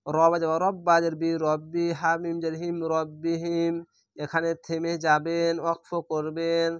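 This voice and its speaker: A man with a Bangladeshi Bengali accent teaches recitation, spelling each syllable aloud in a slow, drawn-out way. His voice sits fairly high but stays flat and even, with a smooth, clean tone. The sound is close and dry, with no room echo.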